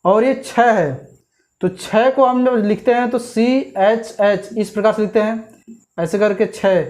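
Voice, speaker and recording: A man's voice: sits high, steady tone, unhurried, darkish tone. Hindi teacher man asking rhetorical questions. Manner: repeats "clear?" and asks rhetorical questions. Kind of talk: explaining a memory trick lesson.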